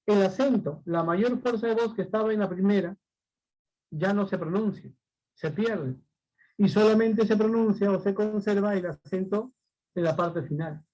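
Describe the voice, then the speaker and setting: A man with a high voice teaches a language class, walking through each rule step by step. He keeps asking rhetorical questions and repeats his key points so students follow along. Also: darkish tone, poor audio. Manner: patient, explains step by step. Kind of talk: recorded class lesson.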